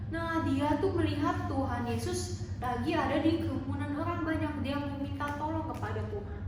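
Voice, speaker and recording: A woman telling a story to toddlers as their Sunday school teacher, in a slow, sing-song, animated way. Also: sits high, heavy reverb, far from the mic, background noise.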